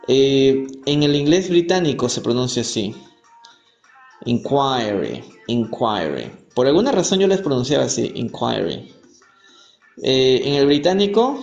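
Slow, gravelly man teaching English. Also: medium pitch, a little mellow, dull audio. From Peru. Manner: slow, explains English words in Spanish, repeats pronunciations. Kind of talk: live-stream reading lesson. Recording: echoey room, faint music behind.

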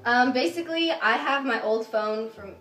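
A woman's voice: a little high, moderate pace, very noisy. A young woman in her late teens chatting casually as the host of a challenge video. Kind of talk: casual chat. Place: small room at home, indoors. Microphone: camera a few feet away. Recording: echoey room, distant mic, faint music.

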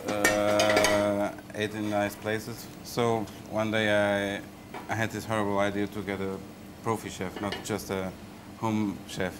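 Portuguese chef guy, low monotone voice, halting english, sizzling noisy kitchen. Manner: hesitant, halting English with fillers. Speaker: chef, restaurant owner. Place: restaurant kitchen. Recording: noisy kitchen location sound.

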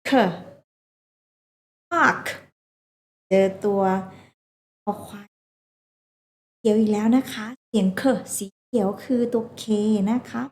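A woman's voice: mid-range voice, slow pace, pauses often, roomy sound. A woman teaching a children's phonics lesson, sounding out English words letter by letter and coaxing the children along.

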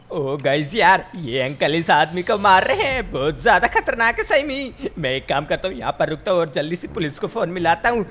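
A man's voice: sits high, fairly bright tone, a little hiss or hum. A man narrating a comedic game role-play, playful and dramatic. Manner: playful, dramatic, switches between silly character voices. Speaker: gaming video narrator. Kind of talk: comedic GTA role-play voicing cartoon characters.

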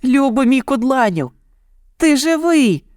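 A man's voice: extremely high pitch, expressive, unhurried, no room sound, studio quality, pitched above the performer's own voice. A man voicing a brave young boy raised by wolves in a storybook reading, calling out boldly. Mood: pleading. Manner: bold, shouting, tearful pleading. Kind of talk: storybook narration.

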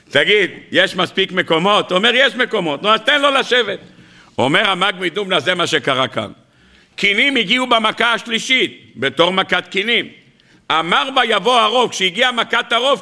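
A rabbi giving a weekly sermon, telling parables with lively storytelling and asking his listeners rhetorical questions. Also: sits high.

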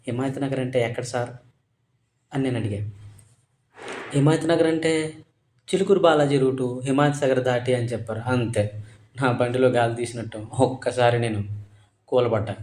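A man's voice: mid-range voice, a little mellow, echoey room. A young man, telling his own story casually to viewers as a bike taxi rider, chatty and polite, often speaking to listeners directly.

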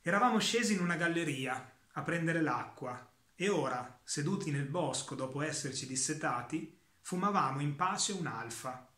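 Man reading a story in an echoey room. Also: on the high side. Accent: Italian. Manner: calm, measured storytelling with slow pauses. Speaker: reader of a short story. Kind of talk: literary reading aloud.

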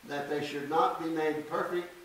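An older man preaching a sermon at a church podium, reading scripture slowly and deliberately with emphatic stresses. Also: fairly high pitch, fairly even intonation, a bit bright. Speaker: pastor. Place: small church sanctuary. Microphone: podium mic from a distance. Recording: echoey church, distant mic, faint hiss.

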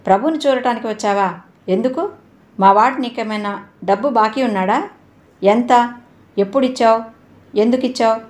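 Brief: storybook audio, a blunt, quick-tempered wealthy father who barks at people, as a woman narrator puts him on, raised and sharp. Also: fairly high pitch, natural voice. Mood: angry scolding. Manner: scolding, loud and abrupt. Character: rich middle-aged father, short-tempered and blunt.

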